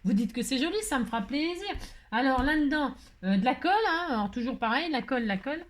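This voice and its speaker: A middle-aged woman hosting a chatty crafting tutorial, talking loudly and joking with her viewers as she works. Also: high voice, expressive, fast talker. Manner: loud, playful, talks to viewers, jokes.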